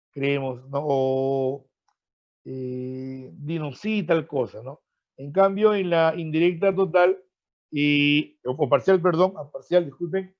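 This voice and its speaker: Man, Peruvian Spanish accent, language teacher, somewhat high voice, keeps adding tag questions, dull video-call sound. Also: a little mellow. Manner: explains with frequent tag questions and repetitions; addresses students fondly as freshmen. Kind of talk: online pre-university grammar lesson. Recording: dull lo-fi online-class audio.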